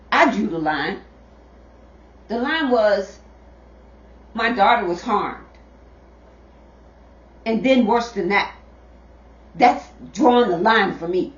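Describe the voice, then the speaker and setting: Middle-aged woman vlogger, unhurried chatty delivery, roomy dull sound from a distant camera. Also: medium pitch. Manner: slow, repetitive, chatty, addresses viewers as y'all. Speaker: vlogger, mother. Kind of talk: casual direct-to-camera talk.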